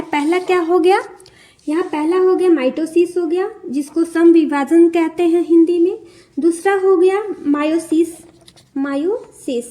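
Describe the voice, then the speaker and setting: A young woman giving an exam-prep lesson in Hindi and English, her voice high and mellow. She talks slowly, repeats each key term and keeps checking that her listeners follow. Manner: repeats key terms and checks in with "theek hai". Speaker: teacher.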